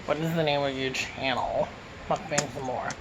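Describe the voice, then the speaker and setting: A Canadian YouTuber answers viewer questions in a relaxed mukbang Q&A, talking through mouthfuls of food. His voice is medium in pitch and steady, at a normal speed. The phone recording picks up a noisy background.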